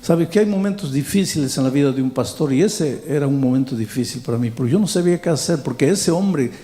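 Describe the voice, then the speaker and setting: A man's voice: on the high side, animated, fast, mellow. A man preaching a sermon as a pastor, telling a personal story and speaking straight to the listener, repeating words for emphasis.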